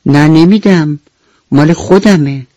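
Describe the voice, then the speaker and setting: A woman's voice: deep voice, warm tone, dry recording. A woman voicing a selfish little male beetle in a children's radio bedtime story, speaking in a raised, pleading tone. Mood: stubborn.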